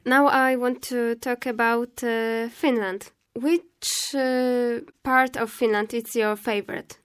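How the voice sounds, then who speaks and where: A woman's voice: a little high, fairly even intonation, slow pace, clear, resonant tone. A woman interviewer asking questions in a hesitant way, with non-native phrasing.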